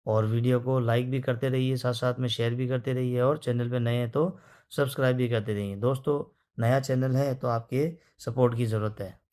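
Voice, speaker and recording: A man's voice: mid-range voice, steady tone, normal speed, a little mellow. A male teacher, patiently guiding learners through a reading lesson and explaining in Hindi. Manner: patient and encouraging. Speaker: English teacher.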